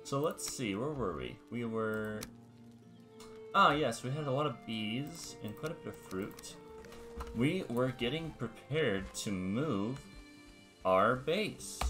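Low-voiced man narrating gameplay. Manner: relaxed, explains game mechanics step by step. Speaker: let's-play host. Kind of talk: casual gameplay commentary. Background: background music.

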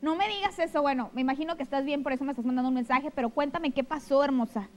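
Racing along in a high-pitched, steady tone with a darkish quality, a Mexican woman hosts a live TV show from a studio. Speaking Mexican Spanish into a handheld mic, she chats affectionately, reads viewer messages, and gushes with pet names over a low-quality recording.

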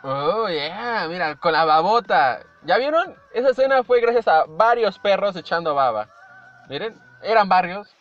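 A young man with a Mexican accent chats playfully through a reaction video, his voice sitting high. He hums and imitates little tunes between comments. The audio is muffled and lo-fi, with faint music underneath. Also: sing-song, unhurried, fairly bright tone.

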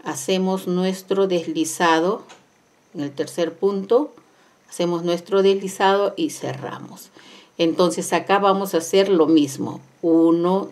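Slow, patient woman counting crochet stitches. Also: lowish voice, a little mellow. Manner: slow, patient, counts stitches aloud and repeats each step. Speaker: crochet instructor. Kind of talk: step-by-step craft tutorial. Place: indoors at a craft table.

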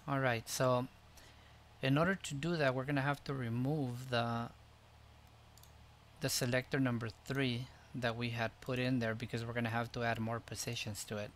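In a screen-recorded software tutorial, a male host with a mid-pitched voice walks through a flight sim step by step at an unhurried pace. His relaxed explanation is full of ums and restarts, and his desk mic catches a faint hum of room ambience.

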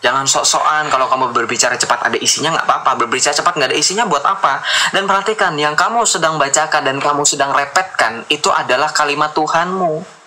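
A man's voice: a little high, quick pace, pushed and bright, slight background noise. A man hosting a heated religious debate, lecturing and mocking his opponent. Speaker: debate host.

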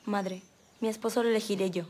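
An actress plays a defiant young colonial daughter who talks fast and with firm conviction. Faint ambient noise sits behind her. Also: mid-range voice, steady tone, darkish tone, natural voice. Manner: defiant, quick.

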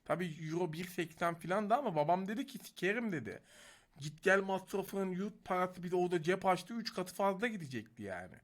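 Animated, high-pitched, foul-mouthed young man. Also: fairly quick, hardly any pauses. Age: 20s. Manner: foul-mouthed, swears often; animated, joking. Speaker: streamer reacting to a video. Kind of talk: casual reaction commentary.

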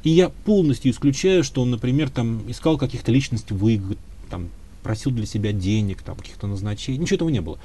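Fielding an interviewer's history questions, this male guest gives long, carefully weighed answers, hedging often and pausing on filler sounds. His voice sits at a middling pitch with a mellow, warm quality that is expressive and a little rough.

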